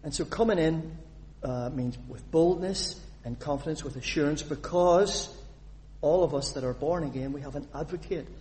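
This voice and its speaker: The fairly high voice of a Northern Irish preacher carries at a moderate pace through the long reverb of a church hall. In his sermon he lively reads scripture aloud and poses questions to the congregation.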